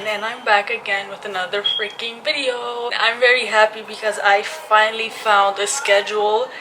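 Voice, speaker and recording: A young woman chats eagerly to her viewers, peppering her talk with fillers. She sounds a little out of breath, and a steady hiss of background noise sits under her voice. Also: mid-range voice. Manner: chatty, enthusiastic, says freaking and like a lot. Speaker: YouTuber. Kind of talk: casual vlog chat.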